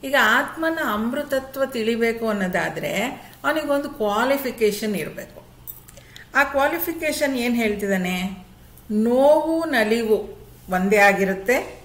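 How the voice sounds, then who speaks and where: A woman teaches a scripture class at an unhurried, deliberate pace. She explains patiently and puts questions to her listeners. Her voice carries some echo from the room. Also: fairly high pitch, fairly bright tone. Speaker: Gita teacher.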